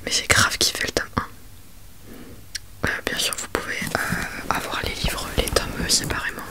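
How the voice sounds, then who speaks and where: A young adult woman chatting informally about books in a soft, breathy library whisper for ASMR, hesitant and often trailing off mid-phrase. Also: unhurried. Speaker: ASMR book reviewer. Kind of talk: whispered ASMR book chat.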